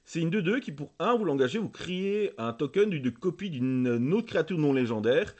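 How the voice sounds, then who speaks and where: Excitable man with a lively, high voice. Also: moderate pace. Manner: excitable, gushing over cards, reads card text aloud with many fillers. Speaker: channel host opening booster packs. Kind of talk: casual commentary while opening trading cards.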